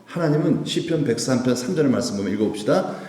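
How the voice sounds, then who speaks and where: A man's voice: mid-range voice, expressive, fast, mellow. A man preaching a conversational sermon as pastor, asking the congregation questions and answering them himself. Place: church sanctuary. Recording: echoey church hall, mic at a distance.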